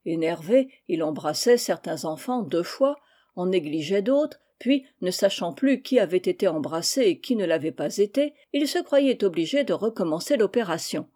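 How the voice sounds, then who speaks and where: A woman narrating an audiobook of a humorous novel in an even, measured reading. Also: lowish voice. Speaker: audiobook reader.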